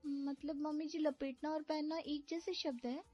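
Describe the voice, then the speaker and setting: A woman's voice: high voice, flat delivery, normal speed, dark tone, voice pushed up, close to an everyday voice. A woman voicing a naive, literal-minded young bride who talks in a sweet, innocent, chatty way in a cartoon story. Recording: slightly dull audio with background music.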